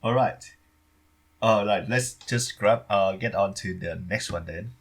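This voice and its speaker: Husky low-voiced man, English. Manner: short agreeing replies, halting non-native phrasing. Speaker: podcast co-host. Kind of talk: casual film discussion.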